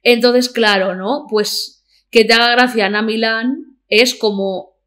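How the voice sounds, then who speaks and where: A woman guest on a chat podcast, telling stories in a blunt, sarcastic, rapid-fire way. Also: on the high side, fairly even intonation, fairly bright tone. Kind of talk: casual chat.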